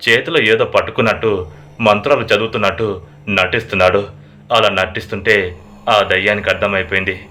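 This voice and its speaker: A man narrating a horror story in a dramatic, steady storytelling manner. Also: low-pitched.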